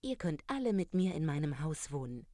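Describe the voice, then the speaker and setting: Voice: medium pitch, very animated, fairly quick, dark tone, dry recording, clean studio sound, natural voice. A storyteller voicing the sensible, hard-working third little pig, who speaks in an earnest, warning way. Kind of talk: storybook reading.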